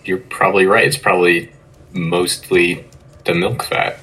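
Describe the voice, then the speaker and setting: A man's voice: low voice, fairly even intonation, unhurried, a bit bright, husky, rough recording. A man appearing as a podcast guest in casual chat, wisecracking and swearing freely.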